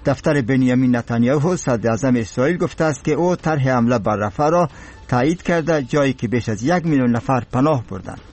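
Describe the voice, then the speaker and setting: A man with an Afghan accent reading scripted radio news in a solemn, formal, measured manner. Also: mid-range voice, a little mellow. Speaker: radio newsreader.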